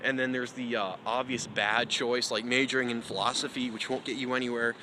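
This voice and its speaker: A young man talks outdoors, meandering from thought to thought with lots of fillers and self-deprecating asides. His voice sits at an ordinary middle pitch. Loud wind roars over the mic the whole time. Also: flat delivery, brisk. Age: young adult. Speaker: vlogger. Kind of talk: rambling outdoor vlog. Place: outdoors in strong cold wind. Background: heavy wind noise.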